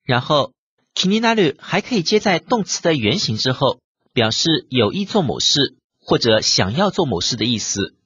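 A man teaches vocabulary in a husky, animated voice, and his pitch rises and falls often. He works methodically through each example and explains it. The recording is dry and a little dull, with a lo-fi sound. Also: normal speed, no room sound. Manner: methodical, reads example sentences then translates them. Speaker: language teacher. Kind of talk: vocabulary lesson explaining Japanese words.

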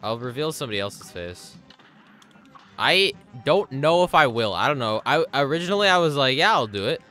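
A man live-streaming a game, excitable and laughing as he swears and thanks donors. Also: mid-range voice, normal speed, faint music behind. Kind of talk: live gaming stream chat.

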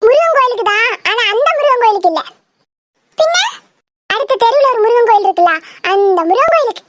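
A voice actor playing a sly boy who puts on a drawn-out, theatrical prayer in a cartoon comedy. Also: very high voice, animated, a bit bright, a little hiss or hum. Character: pious prankster boy, mock-solemn, sly. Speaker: voice actor for all characters. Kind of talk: Tamil cartoon comedy voice acting.

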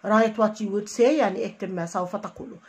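An Egyptian woman teaching an online English lesson, repeating each English phrase slowly and then translating it. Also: mid-range voice, a little hiss or hum. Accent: Egyptian Arabic.

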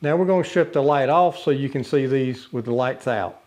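In a casual product demo, an older reviewer walks through a camping lantern in his indoor living room with its brick wall. His mid-range voice is a little mellow and moderately paced, and he speaks plainly, stumbling into frequent uhs and restarts.

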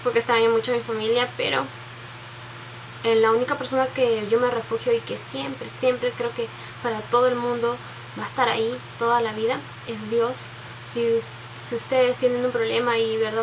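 A Peruvian beauty vlogger in her 20s chats softly into her desk webcam from a bedroom lined with makeup shelves, reading out viewer questions for a casual Q&A tag video. Her voice is a little high and her manner sentimental, full of restarts and fillers, over a noisy background.

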